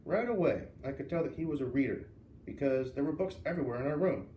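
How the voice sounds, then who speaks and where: A man with a mid-range, dark-toned voice reads a children's novel aloud as a storyteller, talking fast and animatedly while acting out the dialogue with expression. The recording sounds roomy, with a distant mic and faint hiss.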